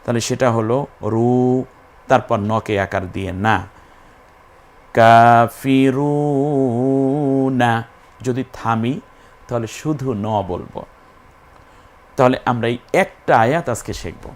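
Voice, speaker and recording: A man's voice: medium pitch, measured pace. A man teaching Quran recitation as a patient teacher who spells out sounds syllable by syllable and stretches the long vowels. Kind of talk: recitation lesson.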